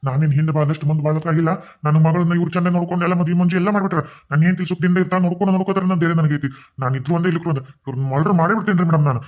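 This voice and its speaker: A man's voice: a little high, steady tone, highs cut off, natural voice. A man voicing an enraged, grieving father in a cartoon, speaking heatedly with a North Karnataka accent. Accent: North Karnataka Kannada. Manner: heated, rapid. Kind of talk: cartoon voice acting.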